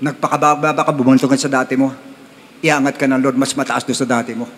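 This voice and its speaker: A man with a Filipino accent preaching a sermon as pastor, swinging from calm talk to sudden high outbursts and slow stressed readings. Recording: long reverb of a large hall.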